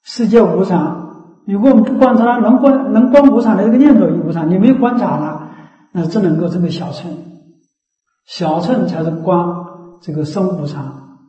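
Male Buddhist teacher with a high, warm voice, emphatic with rhetorical questions; roomy, lo-fi sound. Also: normal speed. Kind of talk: dharma talk. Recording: echoey, dull lo-fi recording.

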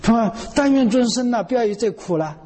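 High-voiced man preaching in an echoing hall. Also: expressive, a little fast, mellow. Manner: earnest, keeps asking "you know?". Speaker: Buddhist teacher. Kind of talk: sermon.

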